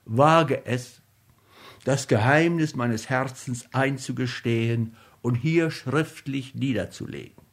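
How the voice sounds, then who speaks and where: A man reading a literary story aloud in a measured, solemn manner. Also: mid-range voice. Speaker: narrator.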